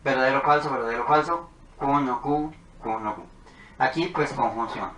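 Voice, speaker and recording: A man's voice: mid-range voice, normal speed, a bit bright. A man teaching a logic lesson, talking methodically through truth tables as he writes them out. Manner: methodical, talks while writing tables. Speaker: math teacher. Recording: echoey room with faint noise.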